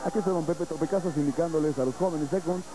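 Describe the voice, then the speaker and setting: A man's voice: a little high, quick pace. A man giving wordy, showman-like live commentary as a lucha libre announcer. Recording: very noisy arena broadcast, old lo-fi tape. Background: loud arena ambience.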